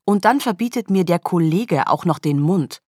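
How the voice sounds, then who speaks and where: A woman's voice: on the low side, expressive, moderate pace, dark tone, no room sound, clean studio sound. A woman reading an audiobook, voicing an arrogant, easily offended male police profiler who talks in a huffy, indignant way.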